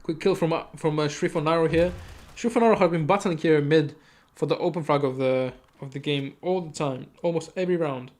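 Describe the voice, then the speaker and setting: A man casting a live esports match, giving quick play-by-play with chatty asides and self-corrections. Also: on the high side. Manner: rapid, self-correcting, chatty asides, sudden excited outbursts. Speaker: esports caster.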